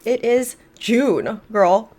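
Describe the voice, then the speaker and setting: A woman co-hosts a casual podcast with her sister, chatting with lots of fillers and saying "girl" frequently. Her voice is a little high and a little mellow, and she speaks very slowly.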